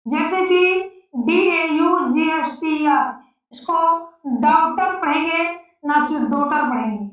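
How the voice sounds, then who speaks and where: A very high-pitched woman teaches pronunciation at a slow, careful pace, spelling letters out one by one. She sounds far from the mic in a very echoey room, with a dull lo-fi tone. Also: fairly bright tone. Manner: spells out letters slowly and repeats words. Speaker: English teacher. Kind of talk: slow spoken-English pronunciation lesson.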